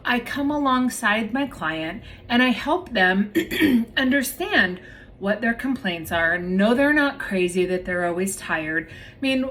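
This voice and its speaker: A woman's voice: mid-range voice, a bit bright, slight background noise. A woman myofunctional therapist chatting casually and explaining plainly to her viewers, calling them "you guys". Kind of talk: casual educational talk to viewers.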